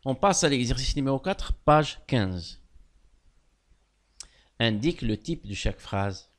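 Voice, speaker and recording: A man's voice: medium pitch, animated, a little slow. A man teaching a French grammar class, walking pupils through sentence types and praising their answers. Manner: stresses key words with sudden loud lifts. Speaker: primary school French teacher.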